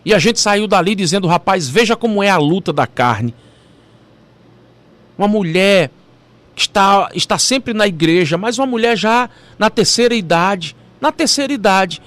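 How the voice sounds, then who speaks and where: A male pastor delivers a sermon. His preaching swings between forceful, climbing emphasis and hushed, stretched-out phrases. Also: high-pitched, no echo. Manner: dramatic preaching, rising to emphatic peaks and dropping to soft, slow phrases.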